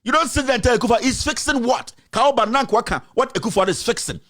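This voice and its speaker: A man's voice: very high voice, fast talker, a bit bright. A Ghanaian man hosting a show, delivering a heated, accusatory commentary full of repeated rhetorical questions. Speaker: host.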